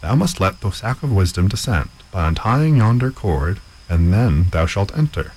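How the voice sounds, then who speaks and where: A man's voice: fairly low pitch, lively intonation, moderate pace, a little mellow, husky. A man voicing a crafty male gardener who pretends to be a wise sage, speaking in solemn, old-fashioned phrases. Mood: mock-reluctant. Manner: grand, solemn, archaic speech.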